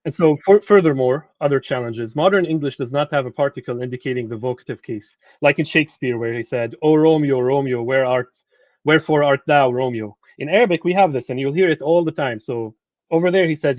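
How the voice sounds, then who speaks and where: A man's voice: medium pitch, no room sound. Casual man lecturing, dry dull audio. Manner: conversational, repeats words while searching for them. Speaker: translator giving a presentation. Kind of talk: lecture to students.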